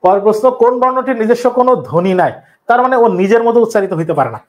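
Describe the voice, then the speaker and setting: A man's voice: high-pitched, animated, very fast. A man teaching a live online exam-prep lesson, explaining step by step and repeating the key terms.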